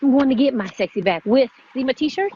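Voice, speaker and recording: A woman with a high, expressive voice and a dark tone hosts a motivational live vlog as a fitness motivator, talking fairly quickly. She speaks emphatically and repeats phrases for stress in this livestream chat. The audio is muffled and noisy, as live streams often are.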